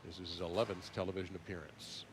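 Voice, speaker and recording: A man's voice: low voice, little pitch movement, quick pace, background noise. An American man giving live play-by-play sports commentary as the announcer.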